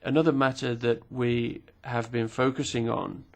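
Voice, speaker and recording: Interpreting speeches simultaneously at a parliamentary committee hearing, a man speaks in a formal, measured manner, pausing now and then and using occasional fillers. His medium-pitched voice is level in tone, slightly dark, and carries vocal fry.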